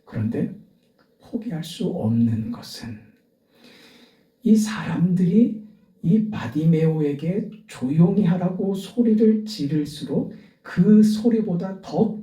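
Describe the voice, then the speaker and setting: A man's voice: high voice, mellow. A male pastor preaching a sermon with impassioned, swelling appeals. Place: church sanctuary. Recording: echoey church from a distance.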